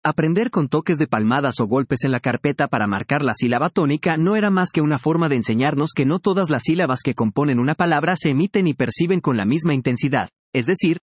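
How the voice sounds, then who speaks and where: A man reading a scripted language lesson in a measured, explanatory way, each word clearly pronounced. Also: on the high side, no room sound. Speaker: language teacher. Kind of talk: scripted educational narration.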